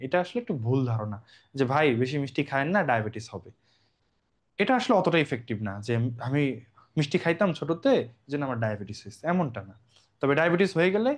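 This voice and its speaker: A man's voice: fairly high pitch, darkish tone. A young man from Bangladesh teaching a biology exam-prep lecture in a chatty way, often checking in with his students. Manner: chatty, addresses students directly with frequent check-ins.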